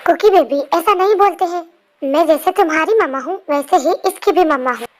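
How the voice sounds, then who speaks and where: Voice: very high voice, fairly quick. A young performer voicing a doting, fussy mother of two boys in an amateur fan dub. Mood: scolding. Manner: affectionate, scolding by turns.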